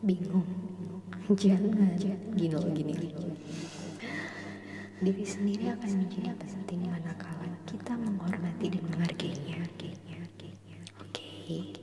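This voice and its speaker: A woman giving gentle ASMR affirmations in a slow whisper, her voice carried by a digital echo effect. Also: fairly low pitch, fairly even intonation. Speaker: ASMR host. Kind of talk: soft-spoken ASMR affirmations. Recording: long echoey reverb effect.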